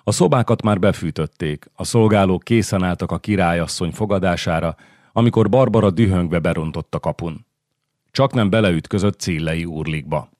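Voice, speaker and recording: Deep-voiced male audiobook narrator. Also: dry recording, studio quality. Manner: steady, measured storytelling. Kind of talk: scripted narration of a historical novel.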